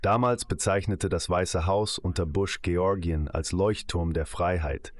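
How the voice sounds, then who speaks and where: Deep-voiced man dubbing an interview guest. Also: unhurried. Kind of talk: German voice-over of an interview.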